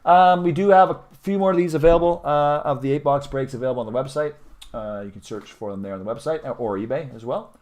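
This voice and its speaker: A man's voice: mid-range voice, fast, darkish tone. A man hosting a live card-breaking stream, talking in a chatty, rambling way with frequent self-corrections. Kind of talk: casual live-stream chat.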